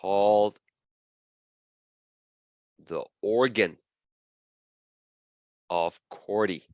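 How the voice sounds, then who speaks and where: Low-voiced male lecturer, checks in often. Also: extremely slow, a little mellow, no room sound, muffled recording. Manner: checks in often with "okay?" and "right?"; repeats key terms while drawing. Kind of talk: classroom lecture. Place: classroom.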